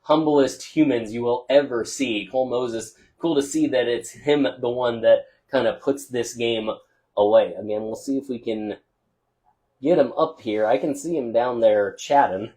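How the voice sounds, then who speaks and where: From a press box above a football field, a local radio sports broadcaster loudly delivers a chatty postgame wrap-up of scores and stats, peppered with lots of "uh." He speaks at medium pitch and normal speed.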